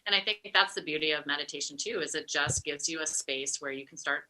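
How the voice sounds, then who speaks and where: Female coach guest, very low pitch, sharp and bright timbre, thoughtful and hesitant. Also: fast, poor audio. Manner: thoughtful, hesitant, many fillers and restarts. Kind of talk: casual interview chat.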